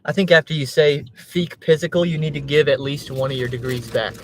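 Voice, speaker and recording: A woman's voice: a bass voice, steady tone, brisk. A woman riding along in a car, teasing and bantering in a dry, casual way. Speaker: passenger and co-host.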